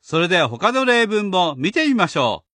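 Patient male grammar teacher, high lively voice. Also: moderate pace, no room sound. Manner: clear, patient, instructional. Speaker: language teacher host. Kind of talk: explaining grammar in a radio lesson.

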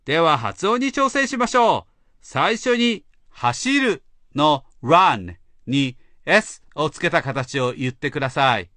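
A man explaining pronunciation rules as an English teacher, slow and careful. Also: on the high side, sing-song, sharp tone, dry recording. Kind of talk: instructional narration.

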